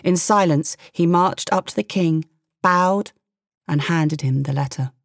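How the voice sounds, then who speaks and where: A woman narrating a fairy tale with expressive, playful storytelling and the odd aside. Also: fairly low pitch, unhurried, gravelly, dry recording, studio quality.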